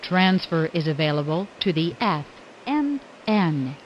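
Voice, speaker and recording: A low-pitched woman's recorded voice, slow and clipped, with each word pasted together from separate takes so the sentences come out choppy. It plays through a lo-fi train speaker with a faint rumble behind it. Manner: clipped, even, formal delivery. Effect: words spliced together from separate recordings. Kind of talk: automated transit announcement. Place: subway train carriage.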